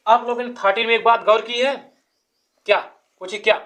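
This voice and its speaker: A woman's voice: fairly high pitch, fairly even intonation, brisk, a bit bright. A woman teaching a child to count, patiently asking quiz questions and counting numbers aloud step by step.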